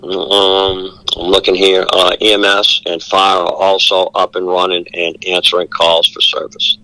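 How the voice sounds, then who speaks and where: A man giving a steady live briefing as an emergency official, with many fillers, heard over a speakerphone held up to a studio microphone. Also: low voice, unhurried, dry recording, low-quality recording. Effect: speakerphone held up to the studio mic. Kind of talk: live radio phone briefing.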